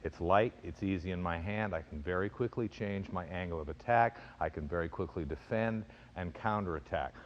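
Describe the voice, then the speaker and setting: Low-voiced man teaching with crisp fencing commands. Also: lo-fi sound, slight background noise. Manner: measured explanation with crisp, clipped fencing commands. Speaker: fencing and self-defense instructor. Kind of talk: instructional demonstration.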